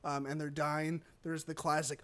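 A young man with a high, bright voice chats loosely on a podcast, stammering through restarts and breaking into laughter. He swears casually and rambles off topic. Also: little pitch movement, normal speed. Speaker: podcast co-host. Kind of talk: casual chat.

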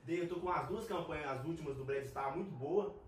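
A man's voice: fairly high pitch, very echoey, far from the mic, a little hiss or hum. A man with a Brazilian Portuguese accent, a guest in a casual interview, joking about himself and taking criticism lightly. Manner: fast, jokey, self-deprecating. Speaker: guest player.

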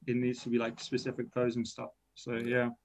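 With a dull lo-fi recording carrying a little hiss or hum, a young engineering student who grew up speaking Persian rambles through a casual podcast chat. He talks fairly quickly in a monotone, medium-pitched voice, piling on fillers and self-deprecating remarks.

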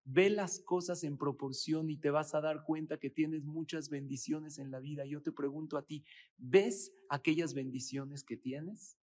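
A man's voice: a little high, fairly even intonation, measured pace, a little mellow. A man giving a short inspirational religious talk, stressing repeated phrases with rising emphasis.

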